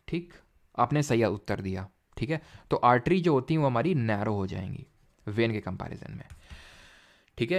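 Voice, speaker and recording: A man teaching a live online class in Hindi mixed with English terms. He explains step by step, puts quiz questions to his students and keeps saying "ठीक है" as he goes. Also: a little high. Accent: Indian English terms mixed into Hindi. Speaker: online tutor.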